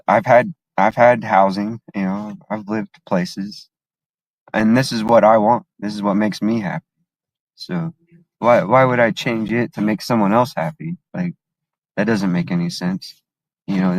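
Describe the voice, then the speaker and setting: A man with a fairly low voice talks as a guest, earnest and unhurried, often pausing to reflect. The sound is dry and close-miked. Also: dry recording, rough recording. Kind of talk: casual conversation.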